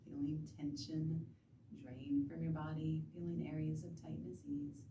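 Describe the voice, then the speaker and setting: A soft-spoken woman instructor leads a guided body-awareness and stretching lesson in a soothing, gentle manner, pausing between short instructions. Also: sits low, flat delivery. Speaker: instructor guiding self-treatment bodywork. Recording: roomy, distant mic with background noise.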